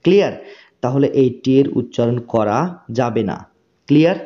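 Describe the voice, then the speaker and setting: A man teaching spoken English in a slow, patient way. He repeats each word and often checks that the learner has understood. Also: medium pitch, animated, mellow, lo-fi sound.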